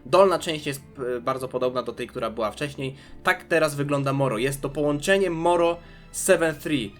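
A man's voice: medium pitch, fairly quick, fairly bright tone, faint music behind. A man hosting a casual comic recap, narrating animatedly with slips and restarts. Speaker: host.

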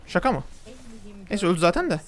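A man's voice: sits high, very animated. A young man casually commentating his own match as he plays, chatty and talking straight to his viewers. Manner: rapid, chatty, addresses viewers directly. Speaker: gameplay commentator. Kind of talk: live gameplay commentary.

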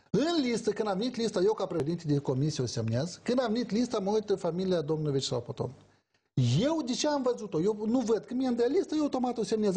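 Husky high-voiced emphatic politician. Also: male voice. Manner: animated, emphatic, acts out quoted exchanges. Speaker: politician as studio guest. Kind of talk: emphatic studio debate. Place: TV studio.

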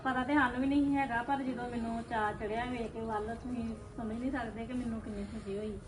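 Fast, high-voiced Punjabi woman vlogging. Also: steady tone. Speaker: vlog host. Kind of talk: casual vlog chat. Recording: clear background noise.

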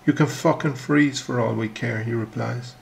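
A man reading his own short story aloud in the first person, measured and low, dropping almost to a whisper on the detective's lines. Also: steady tone, creaky, a little hiss or hum, poor audio.

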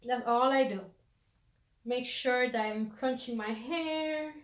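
Woman, higher voice, chatty hair tutorial, lots of fillers, phone recording. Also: slow. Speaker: beauty vlogger. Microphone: phone camera.

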